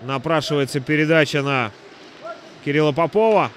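A man's voice: a little high, moderate pace, a little hiss or hum. A man giving play-by-play commentary on an ice hockey game.

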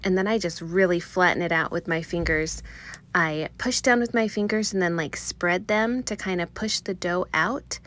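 A woman's voice: on the low side, moderate pace, a bit bright. A woman in her thirties talks through her baking in a home kitchen, picked up by a phone camera on the counter. She rambles in a chatty way, trails off with fillers and slips in little laughs. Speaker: home cooking vlogger. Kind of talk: casual chatty baking tutorial.

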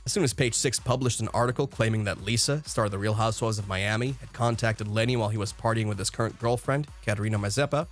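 A man reading a scripted celebrity gossip narration in a steady, even read-aloud delivery. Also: lowish voice, quick pace, few pauses. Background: faint background music.

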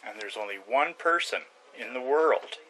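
An older man rambling casually, with many pauses and restarts, into a webcam at close range in a small room at home. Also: mid-range voice, expressive, bright, forceful tone, a little hiss or hum, low-quality recording. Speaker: hobby carver and channel host. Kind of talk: casual home video show-and-tell. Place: small room at home with shelves of model trucks. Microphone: webcam close to the face.

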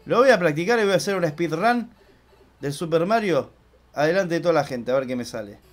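Excitable high-voiced Argentine man. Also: fairly quick, faint music behind. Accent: Argentine Spanish. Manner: chatty, excitable, swears loudly when he fails. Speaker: gaming channel host. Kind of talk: casual let's-play commentary.

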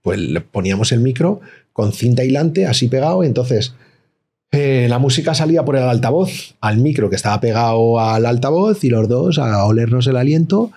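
A man, a rapper guest telling stories in slangy, animated casual chat. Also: medium pitch, moderate pace, husky. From Madrid, Spain. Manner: slangy, animated storytelling with acted-out voices.

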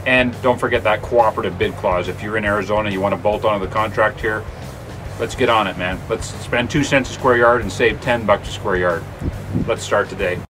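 A man's voice: lowish voice, brisk, over music. A middle-aged American man hosting in a casual, chatty, enthusiastic and emphatic way. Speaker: host.

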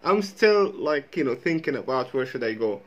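The highs are cut off in this recording of a medium-pitched, sing-song voice at a moderate pace. It belongs to an Arabic-accented reaction vlogger in his thirties, a native Arabic speaker, who rambles and swears casually while using a wired earphone mic in a small indoor room with a sheet behind.

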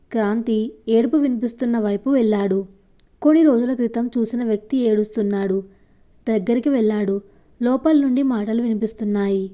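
A woman's voice: on the high side, dark tone. Woman narrating a story, dull lo-fi.

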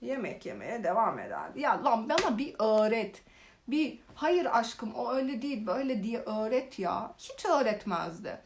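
A young woman casually telling funny stories in a vlog, animated and exaggerated. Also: a little high, normal speed. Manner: animated, exaggerated retelling with laughs. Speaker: vlogger. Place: living in Korea.

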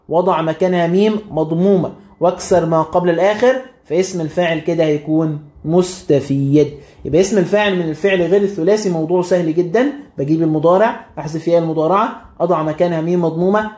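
A man's voice: high-pitched, a little mellow, reverberant. A man with an Egyptian accent explaining grammar rules, asking himself questions and answering them, often repeating a rule. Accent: Egyptian Arabic. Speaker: Arabic grammar teacher. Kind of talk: classroom explanation.

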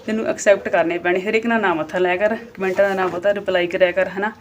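A woman's voice: medium pitch, steady tone, fast talker, a little hiss or hum. A woman in her thirties from Punjab with a Punjabi accent, talking casually to her vlog viewers in a plain-spoken, scolding way. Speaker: vlogger.

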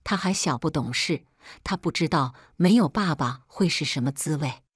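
A woman's voice: low-pitched, lively intonation, normal speed, husky, no echo, clean studio sound. A woman voicing a remorseful, dying middle-aged father who begs his family for forgiveness in a read-aloud story. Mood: pleading. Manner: pleading, apologetic. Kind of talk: storybook character reading.

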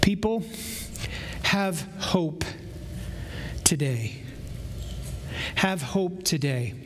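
A middle-aged man preaching a sermon from a church stage, slow and emphatic with drawn-out pauses. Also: fairly high pitch, animated, a bit bright. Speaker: pastor. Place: large church sanctuary with stage. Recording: long hall reverb, faint room noise.

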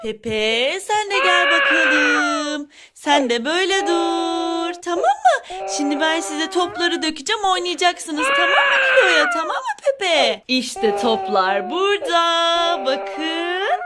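A woman's voice: very high-pitched, sing-song, takes it slowly, shouting, over loud music. A woman narrating a toy play video, talking to baby dolls in a fussing, motherly, sing-song way.

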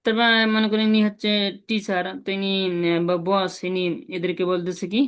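A man teaching a Chinese class online. He repeats syllables slowly and asks his students questions as he goes. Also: high voice, steady tone, clean tone. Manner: drills syllables slowly, repeating them often.

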